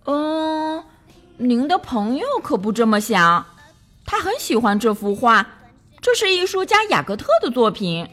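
A woman's voice: on the high side, big pitch swings, measured pace, a bit bright, faint music behind, exaggerated voice. A woman voicing Carlo, a polite, earnest young hero in a children's story.

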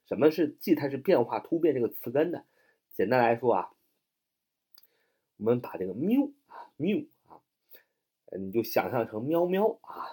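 Lively man teaching vocabulary. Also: medium pitch, breathy edge. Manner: spells words letter by letter, repeats words slowly; chatty, animated, frequent "啊" fillers. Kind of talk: vocabulary lesson with memory tricks.

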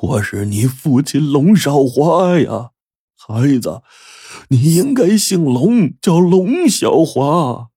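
Male storyteller doing a weeping old father in a spoken story, slow and shaky, pitch lifted, close dry sound. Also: dark tone, slightly rough, no room sound. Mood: tearful, trembling. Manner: trembling, slow, choked with emotion. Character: old grey-haired man, tearful long-lost father.

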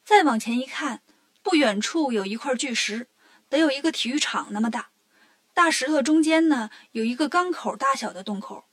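A woman reading a children's story aloud in a lively, expressive way. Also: high voice, normal speed, dry recording.

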